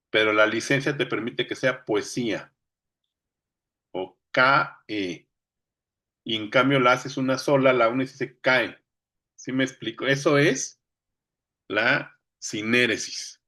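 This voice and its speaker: Mexican guy explaining stuff to a room, casual lecture, keeps asking if everyone's following, mid-pitched voice. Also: fairly even intonation, a little slow, bright, forceful tone. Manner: conversational, often checks in with listeners. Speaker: speaker on poetry. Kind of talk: informal lecture.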